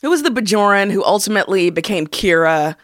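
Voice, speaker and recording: A woman co-hosting a podcast, talking in an animated, opinionated and slangy way. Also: medium pitch, quick pace, dry recording, clean studio sound. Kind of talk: casual chat.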